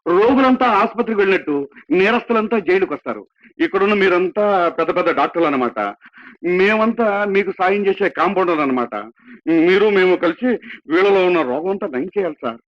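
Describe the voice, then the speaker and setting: An actor with a high, expressive voice speaks fast as a humble, kind-hearted prison constable. Earnest and pleading, he addresses his boss deferentially in a film drama with a dull, lo-fi soundtrack.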